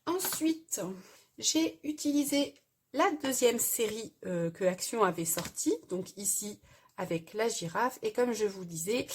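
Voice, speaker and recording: Husky-voiced woman explaining a craft project. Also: mid-range voice, a little mellow. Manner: hesitant, explanatory, frequent "euh" fillers. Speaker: craft tutorial host. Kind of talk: casual crafting tutorial voice-over.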